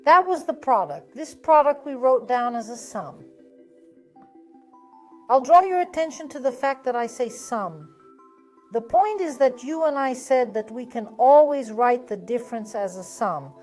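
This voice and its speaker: In an unhurried lesson, a woman with a fairly high, lively voice walks through math step by step. Patient and methodical, she often asks a question and then supplies the answer. Soft music plays behind her.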